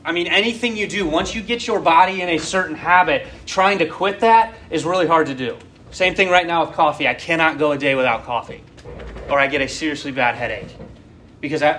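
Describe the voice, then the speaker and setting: A young man in his twenties preaching in a loose, rambling, conversational way, turning to his listeners directly. His voice sits a little high for a man, with a faint hum in the background. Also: bright, forceful tone. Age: 20s. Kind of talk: casual sermon.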